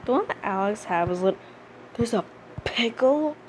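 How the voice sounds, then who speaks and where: A woman's voice: on the high side, lively intonation, moderate pace, slight background noise, rough recording. A young woman casually commenting while playing a game, playful and chatty, sometimes chanting in a sing-song way. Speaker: gaming channel host.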